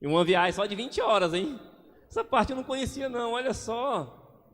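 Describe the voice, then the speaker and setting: A man's voice: very high voice, animated, a little fast. A man preaching a sermon as pastor, acting out little everyday scenes as he goes. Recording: long hall reverb.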